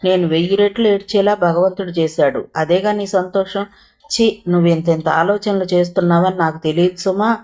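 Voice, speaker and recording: A woman's voice: lowish voice, fairly even intonation, normal speed, darkish tone, close to an everyday voice. A woman voicing a young runaway wife who pleads and quarrels through tears. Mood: bitter. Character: young distressed runaway wife, sharp-tongued.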